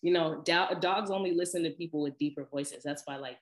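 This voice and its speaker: A young woman in her twenties, whose voice is strikingly deep and low, tells personal stories to the camera in a casual vlog. She speaks briskly, chatty and expressive, laughing easily between asides. A noticeable echo suggests a bare room.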